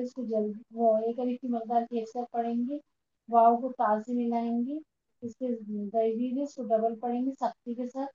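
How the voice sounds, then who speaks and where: A woman's voice: on the high side, reverberant, dull audio, a little hiss or hum. A woman student in an online class, methodically reciting and explaining recitation rules. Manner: careful, methodical. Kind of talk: slow recitation and rule explanation.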